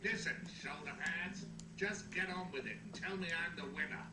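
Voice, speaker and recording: An actor playing a vain, petulant little evil genius professor, pompous and whiny, in a cartoon game. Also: male voice, a little high, moderate pace, natural voice. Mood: indignant. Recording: echoey, distant, music behind.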